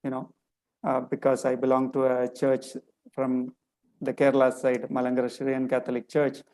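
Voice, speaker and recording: A guest lecturer from India, with a Tamil English accent and a slight Malayalam influence, answers a question in an earnest webinar talk over a video call, frequently repeating his key phrases. His voice is medium-pitched, monotone and darkish, at a moderate pace, and the audio quality is poor.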